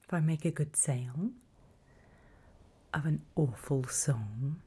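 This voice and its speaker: A British woman sits low in her range as she plays a sly, greedy demon auctioneer, a female character, for whispered ASMR roleplay, using a full character voice. Soft and breathy, she questions coolly and deliberately, in a dry, teasing mood.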